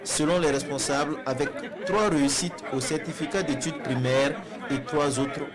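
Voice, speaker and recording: A man narrating a television news report in a measured, formal delivery. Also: on the high side, steady tone, over a noisy crowd.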